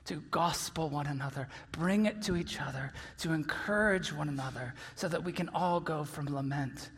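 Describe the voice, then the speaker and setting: A man preaching a sermon as pastor, earnest, dropping to soft near-whispers and then rising to loud emphasis. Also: fairly high pitch, husky. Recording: long reverb of a large hall.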